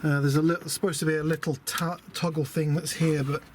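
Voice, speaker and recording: A man's voice: fairly high pitch, flat delivery, fairly quick. A British man giving a casual, rambling vlog commentary in an understated, chatty way, muttering asides to himself. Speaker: DIY vlogger showing a camper van conversion. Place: outdoors by a van beside a house. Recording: windy outdoor camera audio with noise. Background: wind noise.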